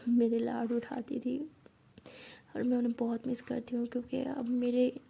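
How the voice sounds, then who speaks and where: A woman voicing a lonely, gentle woman who misses her late mother, speaking softly and often in a whisper. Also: on the high side, completely flat delivery, moderate pace, vocal fry, breathy edge, full character voice. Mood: sad.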